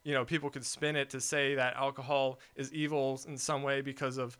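A man's voice: medium pitch, level tone, fairly quick, fairly bright tone, smooth. A young man talking casually in a discussion, rambling with many fillers and restarts. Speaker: podcast guest.

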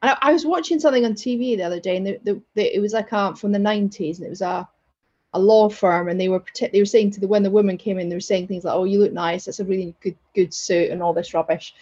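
A woman's voice: mid-range voice, quick pace, warm tone, breathy edge, highs cut off. A woman co-hosting a podcast in a chatty, self-deprecating way, laughing often. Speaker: podcast co-host. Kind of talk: casual podcast chat.

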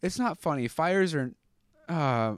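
A man co-hosting a casual comedy podcast, joking around and laughing often, sometimes reading aloud slowly with heavy pauses. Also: a little high, lively intonation, clear, resonant tone, no echo. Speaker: podcast co-host.

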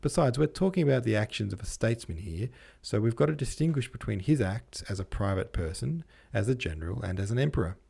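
A man doing a steady loyal young prince. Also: fairly low pitch, quick pace, creaky, husky, voice pushed up, exaggerated voice. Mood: reasoning. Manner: reasoning, calming. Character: loyal level-headed young male prince.

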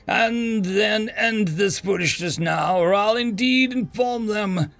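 A man's voice: sits high, takes it slowly, creaky, fairly bright tone, faint music behind, pitched above the performer's own voice, heavily acted. A man voicing a haughty, menacing tentacled alien overlord father who hisses and snarls in formal speech. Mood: stern. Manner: hissing, snarling, formal and imperious.

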